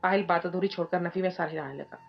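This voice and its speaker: Lady reading a novel aloud, lowish voice, dull lo-fi sound, soft music behind. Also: fast talker, gravelly. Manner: steady storytelling, reading all parts in her own voice. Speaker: narrator. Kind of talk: scripted novel narration.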